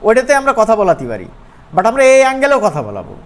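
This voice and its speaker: Teaching an informal live software session, this animation instructor speaks with a regional Bangladeshi Bengali accent and keeps stopping to check in with questions. The mid-range voice races along, its pitch swooping wildly.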